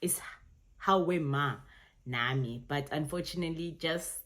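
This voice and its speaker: Brief: young South African woman vlogger, South African accent, low voice, chatty reaction talk. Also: a little slow, fairly bright tone. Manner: chatty, self-correcting, laughs often. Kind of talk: casual reaction commentary.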